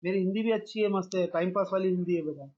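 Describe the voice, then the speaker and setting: A man's voice: high voice, quick pace, a little mellow, highs cut off. A man teaching a math class online, calling his students "beta" and mixing English math terms into his explanations.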